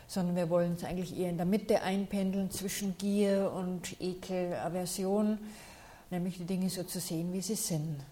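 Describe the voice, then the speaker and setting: Speaking in a lowish voice, a female meditation teacher patiently fields questions from the audience at her talk, staying calm as she replies.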